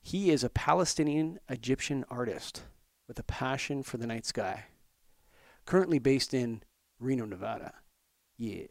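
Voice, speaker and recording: A male podcast host who talks in a loose, rambling way and often trips over his words mid-sentence. His medium-pitched voice sounds dry and close. He keeps the chat casual. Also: animated, normal speed, vocal fry, a little mellow, dry recording. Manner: loose and rambling, with frequent restarts and stumbles.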